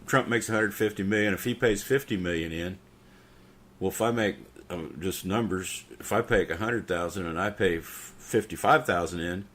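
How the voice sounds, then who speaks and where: A man's voice: low voice, fairly bright tone. A middle-aged man ranting bitterly and profanely in a casual podcast conversation. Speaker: podcast co-host. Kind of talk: casual political rant.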